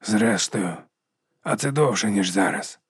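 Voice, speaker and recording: A man's voice: on the low side, animated, a little slow, husky, dry recording, studio quality, voice pushed down, heavily acted. A man voicing a frail, hissing old man. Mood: hushed grim. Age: older. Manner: hushed, hissing, barely audible. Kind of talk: audiobook character voice.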